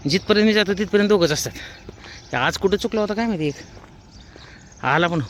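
A man's voice: high voice, brisk, a bit bright. A man chatting casually to the camera as he walks his dog outdoors, calling out to the dogs around him. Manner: chatty, calls out to dogs to shoo them. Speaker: vlogger. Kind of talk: casual vlog commentary on a walk. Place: outdoors on a road. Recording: faint outdoor noise.

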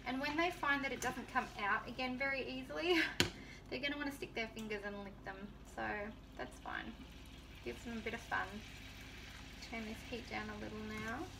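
A woman's voice: high voice, vocal fry, far from the mic, noisy background. A woman in her thirties chatting casually to viewers as she cooks in her home kitchen. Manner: chatty, easygoing, talks to viewers while cooking. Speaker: home cooking vlogger. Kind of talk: casual cooking demonstration.

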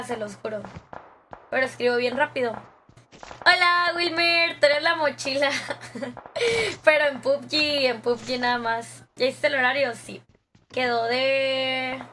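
There's a little background noise as a young adult woman with a Mexican accent chats with her gaming-stream audience and reads their comments. She speaks high, pushed and bright, tossing out slang and laughing often.

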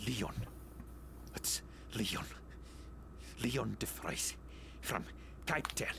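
A gravelly, bitter survivor. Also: male voice, fairly low pitch, very slow, sharp tone, a little hiss or hum, exaggerated voice. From South Africa. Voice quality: gravelly, curses. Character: bitter, unravelling adult male survivor. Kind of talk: video game voice acting.

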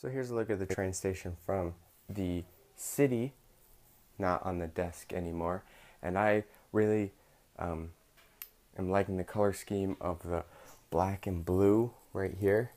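A man's voice: low-pitched, a little slow, a little mellow. A young man chatting upbeat in a casual vlog from a small bedroom, with lots of ums. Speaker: vlogger.

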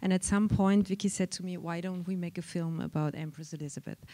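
A middle-aged woman, speaking reflectively on a theater stage into a handheld mic, with many pauses. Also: on the low side, steady tone, dark tone. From Austria. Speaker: film director. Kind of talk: festival panel talk.

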